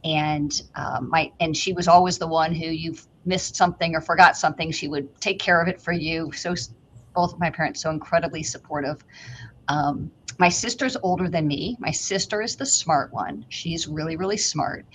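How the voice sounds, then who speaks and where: Brief: woman from St. Louis, chatty interview guest, lower voice, faint hiss on a remote call. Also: normal speed, fairly bright tone, poor audio. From St. Louis, Missouri, USA. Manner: humble, chatty, many "um" fillers. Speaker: guest physician. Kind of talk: conversational interview answers. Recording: remote video call, faint background noise.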